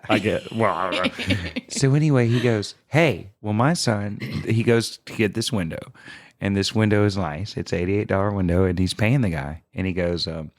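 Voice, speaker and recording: A man in his thirties with a Southern US accent, a singer-songwriter telling animated stories and laughing often in a casual chat. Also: low voice, moderate pace. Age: 30s.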